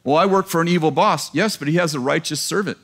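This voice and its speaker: This fast-talking pastor has a slightly high, fairly bright voice. In his fifties and using a headset mic, he preaches to a live congregation filling a large church auditorium, joking casually and chuckling at his own lines.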